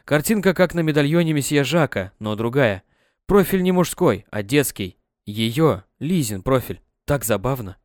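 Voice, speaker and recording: A man narrating an audiobook with an expressive reading on a close mic. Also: medium pitch, moderate pace, no room sound.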